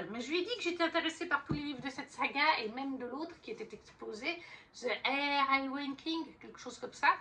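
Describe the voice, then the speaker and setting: A woman's voice: high voice, bright, forceful tone, distant mic. A woman chatting casually about her books as a vlogger, rambling with fillers and restarts. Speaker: book vlogger. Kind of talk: casual chat.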